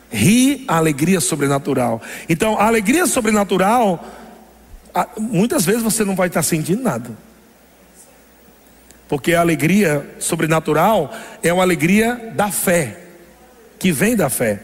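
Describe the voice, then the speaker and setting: A man's voice: sits high, big-room sound. A man preaching an emphatic sermon as pastor, often laughing between phrases.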